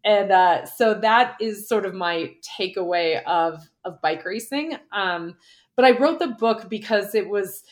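A woman's voice: medium pitch, lively intonation. A middle-aged woman, a former pro cyclist and coach, chatting casually in an interview and telling stories with lots of "like". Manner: chatty, quick storyteller with frequent "like".

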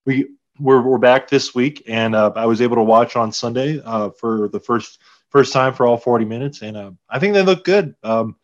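A man of medium pitch co-hosts a sports podcast in a casual, rambling way, often hesitating. The audio is slightly dull and lo-fi. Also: moderate pace. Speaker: podcast co-host.

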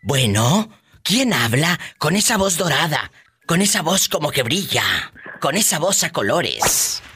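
A woman's voice: sits low, very animated, measured pace, fairly bright tone, slightly rough. A woman hosting a call-in radio show, playful and dramatic, full of catchphrases. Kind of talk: lively call-in radio chat.

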